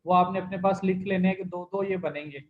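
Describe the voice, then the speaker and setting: A man's voice: high voice, steady tone, brisk. A man teaching an online Chinese class, patiently explaining listening exercises and repeating his instructions. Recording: dull lo-fi online class audio.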